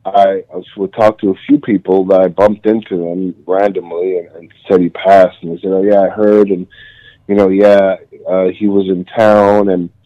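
A man's voice: low-pitched, little pitch movement, normal speed, no room sound. A man reflecting on a late friend's legacy on a call, hesitant with many fillers. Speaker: friend sharing memories on a call. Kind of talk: casual conversation. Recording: muffled lo-fi call audio.

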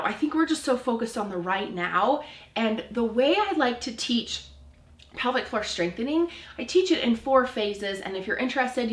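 A woman's voice: on the high side, a bit bright, reverberant. A woman in her forties hosting a solo podcast, talking in a chatty, earnest way with self-deprecating asides. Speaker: podcast host, pelvic floor physical therapist.

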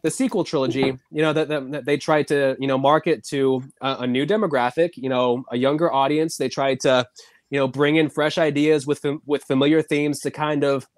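A man's voice: mid-range voice, fairly even intonation, a little fast, no echo, clean studio sound. A man co-hosting a casual talk show, hesitant and stumbling, repeating words before making his point. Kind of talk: casual chat.

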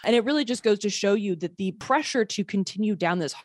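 A woman's voice: mid-range voice, animated, fairly quick, no room sound, clean studio sound. A woman partly raised in Sweden, speaking as an interview guest in a passionate, sarcastic way. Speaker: guest, filmmaker. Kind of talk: political interview.

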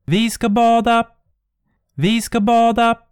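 A man voicing a haunting, ghostly singing voice that drags out each line slowly, as if heard from a distance. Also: extremely high pitch, flat delivery, clear, resonant tone, no echo, clean studio sound, pitched above the performer's own voice. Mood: shrill. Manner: slow, drawn-out singing.

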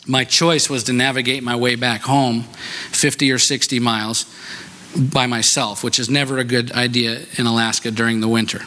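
A man's voice: mid-range voice, level tone, moderate pace, pushed and bright, a little hiss or hum. A man preaching a sermon in a church, telling a personal story in a conversational, self-deprecating way and often checking in with "right?". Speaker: pastor.

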